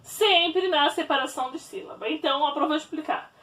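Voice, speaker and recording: High-voiced lively teacher lady, explains slow and careful, bit far from mic. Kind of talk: online grammar lesson.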